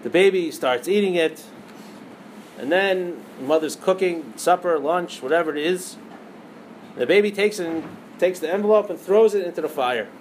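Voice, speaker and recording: A man's voice: high-pitched, lively intonation, moderate pace, a little hiss or hum, rough recording. A man teaching a lesson on liturgical poems, telling a parable with rhetorical questions and many Hebrew terms. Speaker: Torah teacher.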